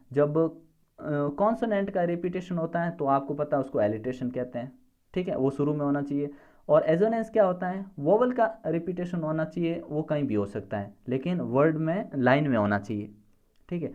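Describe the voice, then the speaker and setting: Male teacher, mellow tone, patient and methodical, slows right down for definitions, slightly muffled lo-fi recording. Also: on the high side. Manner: patient, repeats checks for understanding; reads definitions slowly and deliberately. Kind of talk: classroom-style lesson explanation.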